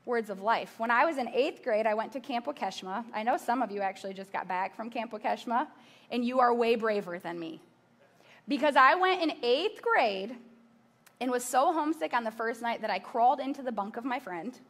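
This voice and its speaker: Preaching on a church stage, this pastor, a woman in her thirties, has a fairly high, expressive voice and speaks at a normal pace. Her sermon weaves in personal stories told casually, with asides to the congregation.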